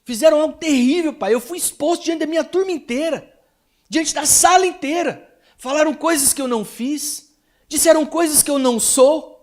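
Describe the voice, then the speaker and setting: A man with a Brazilian accent voicing an angry, indignant young schoolboy who shouts threats. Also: very high-pitched, fairly quick, hardly any pauses, voice pushed up.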